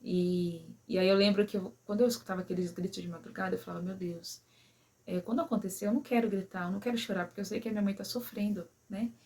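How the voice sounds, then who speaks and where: A woman who tells a personal story to her viewers in an emotional way. She keeps adding "né?" and "sabe assim?" and drops very quiet at the sad parts. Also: mid-range voice, fairly even intonation, fast talker, husky. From São Paulo, Brazil. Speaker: vlogger.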